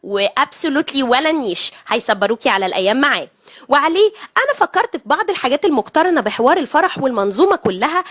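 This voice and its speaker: Rapid-fire sarcastic Egyptian woman. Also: high-pitched. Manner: sarcastic, mock-lecturing, asks the viewer rhetorical questions. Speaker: comedic vlogger. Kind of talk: comedic monologue to camera.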